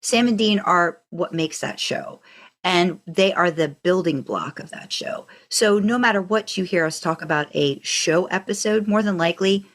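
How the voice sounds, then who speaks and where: A woman with a fairly low, slightly bright voice speaks at a normal pace as a podcast co-host. In casual fan chat, she muses reflectively and rambles, circling back in the middle of her thoughts.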